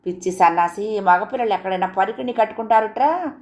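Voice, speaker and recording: A woman's voice: medium pitch, quick pace, highs cut off, natural voice. A woman voicing a doting old village grandmother who scolds and coaxes her grandson. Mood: fussing. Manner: scolding, coaxing.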